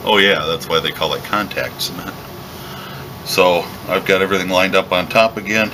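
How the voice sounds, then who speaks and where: A man giving a relaxed, step-by-step leatherworking tutorial while he works at a workshop bench, recorded by a camera above the bench. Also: low voice, moderate pace, noisy background. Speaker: leatherworking instructor. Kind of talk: hands-on craft tutorial.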